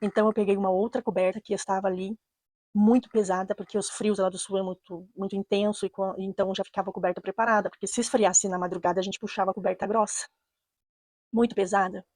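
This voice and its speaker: A woman's voice: mid-range voice, level tone, a little mellow, no room sound. Earnest Brazilian woman recounting a story. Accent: Brazilian Portuguese. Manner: earnest, measured, repeats phrases for emphasis. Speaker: storyteller, channel host. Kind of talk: personal true-story narration.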